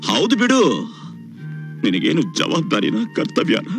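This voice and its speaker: A man's voice: on the high side, wildly swooping pitch, a little slow, a bit bright, full character voice. An actor playing a grown son who speaks to his mother, turning from tender to bitter and pleading, in film melodrama dialogue with music underneath. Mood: bitter reproach. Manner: emotional, swings from tender to bitter reproach.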